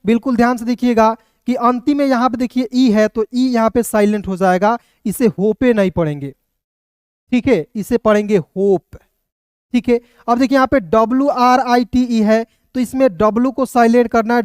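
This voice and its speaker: A man teaching English spelling, spelling out letters slowly and often asking his listeners whether they have understood. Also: high voice, darkish tone, clear, resonant tone, no echo, clean studio sound. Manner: spells letters out slowly, asks rhetorical check questions. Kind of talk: spelling and pronunciation lesson.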